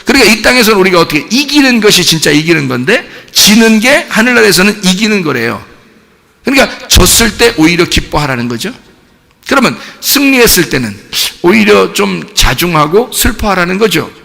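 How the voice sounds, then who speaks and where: A middle-aged male pastor preaching with a high, lively voice that leaps and drops. His tone is bright and edged with a gravelly rasp. He keeps putting questions to the congregation, and a long church-hall reverb trails behind him. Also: fairly quick. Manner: animated, asks the congregation questions and acts out cheering crowds. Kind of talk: sermon. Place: church sanctuary.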